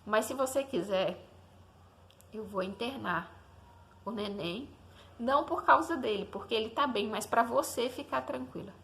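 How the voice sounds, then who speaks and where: A young woman shares a personal faith testimony about her newborn son, speaking casually and directly to the listener. She often checks in with a questioning "né?" as she goes. Her voice sits slightly higher than average. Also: measured pace, creaky, a bit bright. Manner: conversational, often asks the listener "né?". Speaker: mother telling her baby's story.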